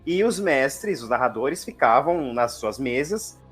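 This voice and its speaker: A man's voice: medium pitch, animated, unhurried, husky, soft background music. A man in a casual podcast chat who throws in joking, theatrical remarks and recalls old gaming events. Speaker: podcast participant.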